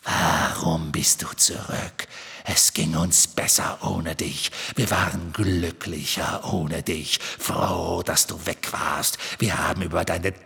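Man doing a cruel phantom youth, deep, cold, sneering, slow, audiobook. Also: steady tone, creaky, sharp tone, breathy edge, exaggerated voice. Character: phantom copy of a teenage hero speaking with a dark lord's voice, cruel.

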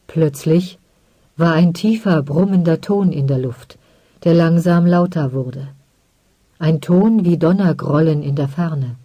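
Brief: calm audiobook narrator, slow and measured, mellow tone, dry close recording. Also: mid-range voice, dry recording. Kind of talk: scripted narration.

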